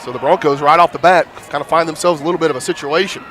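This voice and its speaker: A man doing live high school football commentary with a thick smoker's rasp, congested from hay fever. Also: racing, a bit bright, slight background noise. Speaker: play-by-play announcer. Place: outdoor football stadium broadcast.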